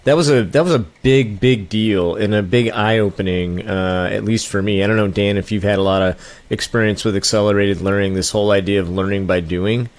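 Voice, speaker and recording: A middle-aged man hosts a casual podcast conversation. His voice sits fairly low, and he cheers his guest on with eager interjections. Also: steady tone, fairly quick. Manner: enthusiastic, encouraging interjections. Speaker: podcast host.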